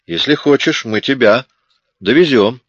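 A man's voice: medium pitch, measured pace, a bit bright, breathy edge, no echo, voice pushed up. A man voicing a smug, mocking police detective. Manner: mocking, cool, commanding. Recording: dull lo-fi audiobook recording.

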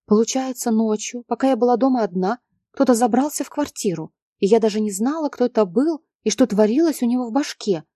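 A woman narrating a story in the first person, with an even, measured reading. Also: on the high side, no room sound, studio quality. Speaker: audiobook narrator.

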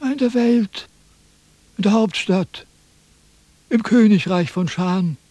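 An actor playing a vain, pompous philosopher in a 1970s radio drama, lecturing and easily indignant. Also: male voice, sits high, takes it slowly, darkish tone, no room sound. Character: vain, pompous old male Chinese philosopher.

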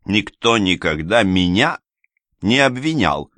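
A man's voice: on the low side, very animated, slow pace, fairly bright tone, no echo, exaggerated voice. A man voicing a stern, controlled provincial police investigator who presses hard with questions. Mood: accusing.

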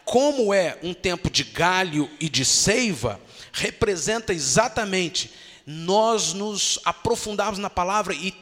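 Male pastor, high bright voice, animated sermon, long hall reverb. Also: a little slow. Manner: animated preaching, acts out voices of churchgoers.

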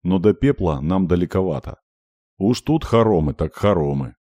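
A man narrating a first-person audiobook in an expressive, wry way. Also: deep voice, normal speed, no echo, studio quality.

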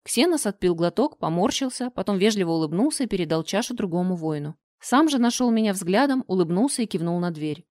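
A woman's voice: medium pitch, lively intonation, fairly quick, hardly any pauses, darkish tone, no room sound, studio quality. A woman reading a first-person story aloud, raising her voice slightly for the characters' quoted lines. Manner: narrates evenly, lifting into characters' quoted lines. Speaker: audiobook narrator.

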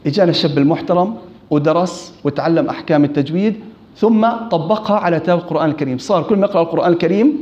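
A man with a Levantine Arabic accent and a fairly high voice teaches Quran recitation in an informal lesson. He recites verses slowly and corrects common mistakes, putting questions to his listeners. The sound is echoey and dull, like a lo-fi room recording. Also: a little mellow.

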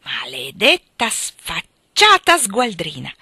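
Drunk bully of a gentleman yelling, bright and loud, dry sound, a woman putting him on. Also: a little high, very animated, moderate pace, no echo, full character voice. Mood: shouting. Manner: loud, shouting, coarse. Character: brutish drunken bellowing young nobleman.

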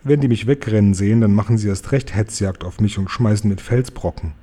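A man voicing a kind, gentle friendly giant in a storybook audiobook, playful and full of made-up words. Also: fairly low pitch, a little fast, lightly acted. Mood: hushed, nervous.

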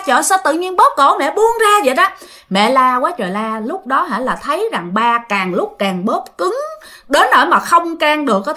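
A woman's voice: on the high side, pushed and bright. A woman telling a ghost story in a chatty way, talking directly to her listeners. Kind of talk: casual ghost-story narration.

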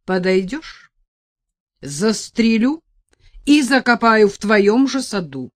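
A woman voicing a sharp-tongued, sarcastic young woman who snaps back in a high, shrill voice. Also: big pitch swings, slow pace, no room sound, studio quality. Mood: feisty, sarcastic.

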